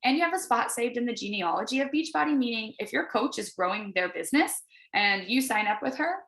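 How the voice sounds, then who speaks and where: Speaking briskly with lively intonation, a woman with a bright, forward voice delivers an informal coaching pitch to a group on a video call. She's a wellness sales coach, chatty and encouraging, pressing hard on her points. Audible echo makes the audio sound roomy.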